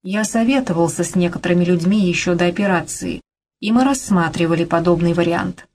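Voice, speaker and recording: A woman's voice: lowish voice, a little fast, darkish tone, natural voice. A woman reading a wary male official. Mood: cautious. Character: uneasy male official handling a hostage crisis.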